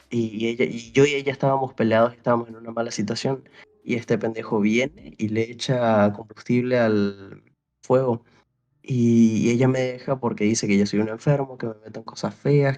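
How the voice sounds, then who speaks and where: This interview guest is a young man from Paraguay whose mid-range voice carries vocal fry and a darkish tone. Talking casually, he spins a rambling tale, restarting often, leaning on "o sea," and re-enacting snippets of conversation.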